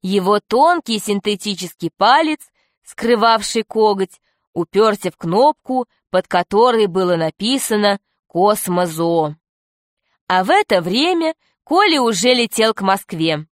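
A woman narrates a children's story for an audiobook. Her voice sits at a middle pitch, and she tells the story in a steady, clear way. The recording is close and dry. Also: measured pace, no echo.

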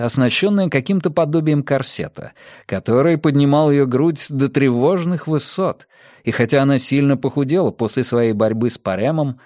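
A man reading a novel aloud as an audiobook narrator in a measured, even way. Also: medium pitch, dry recording, clean studio sound. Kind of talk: scripted narration.

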